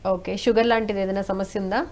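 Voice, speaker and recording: A woman hosts a live call-in health program. She questions each caller briskly and politely, moving the show along. Her voice is of middle pitch. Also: fairly even intonation, crowd noise. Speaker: show host taking calls. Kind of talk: live phone-in hosting.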